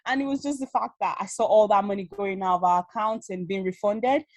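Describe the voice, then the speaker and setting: The speaker, a Leeds-based Amazon seller in her thirties, talks through her story as a guest in a relaxed video-call interview. She has a mid-range voice and a brisk delivery with no echo, and her Yorkshire accent shows Nigerian influence. She's animated, with frequent laughter and many fillers.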